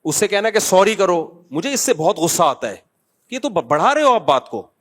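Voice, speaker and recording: This middle-aged man is a mufti taking questions from the public, speaking in a high, sing-song voice with a fairly bright tone. His manner is conversational and scolding, broken up by joking asides, in a public Q&A setting.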